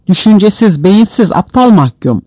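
A man voicing a brutal male prison commander who shouts insults at inmates. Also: fairly high pitch, big pitch swings, fairly quick, dry recording. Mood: furious.

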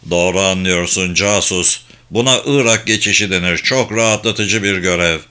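A man's voice: deep voice, moderate pace, sharp tone, smooth. A man voicing a brash, swaggering military pilot in an audiobook thriller. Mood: gruff. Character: gruff boastful male military pilot.

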